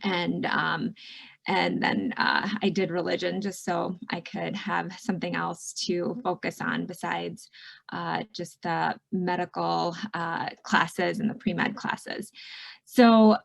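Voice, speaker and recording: A woman's voice: on the low side, takes it slowly, vocal fry. A middle-aged woman physician from Michigan giving a casual, friendly online presentation, talking over a video call with frequent ums and you-knows. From Michigan, USA. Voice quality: warm, chatty, many fillers. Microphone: video call mic.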